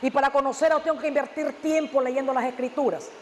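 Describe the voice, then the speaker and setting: A male pastor preaches fervently, firing rhetorical questions and sudden loud emphasis. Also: very high voice, fairly even intonation, fast talker, slight background noise. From Nicaragua. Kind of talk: sermon. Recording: echoey church hall with long reverb.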